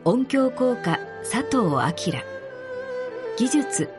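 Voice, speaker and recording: A woman's voice: a little high, sing-song, very slow. Composed woman reader over music. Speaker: narrator. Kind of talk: literary reading.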